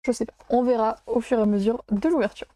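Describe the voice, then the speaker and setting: Woman, casual unboxing chat, hesitant, mellow tone, dry close sound. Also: a little high, steady tone, fast, no room sound. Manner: chatty, hesitant with many fillers, laughs at herself. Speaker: unboxing vlogger.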